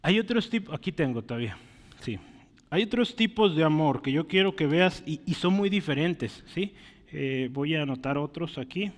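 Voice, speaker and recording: A man's voice: a little high, animated, moderate pace. A man preaching a teaching sermon at a board, in a conversational way that keeps checking with his listeners. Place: church hall. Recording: long reverb of a church hall.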